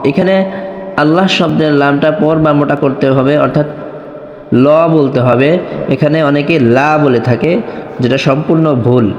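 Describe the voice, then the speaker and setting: Male Quran tutor, brisk explanations, slow chanted verses; long reverb, roomy sound. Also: fairly high pitch, lo-fi sound, a little hiss or hum. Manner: explains quickly, then chants Arabic verses slowly in long melodic lines. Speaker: Quran recitation teacher. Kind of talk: tajweed lesson with chanted recitation.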